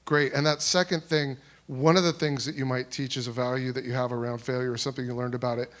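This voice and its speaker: A man's voice: mid-range voice, little pitch movement, fast talker. A man leading a live workshop at a conference, encouraging and asking pointed questions. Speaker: workshop facilitator. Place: conference hall with audience.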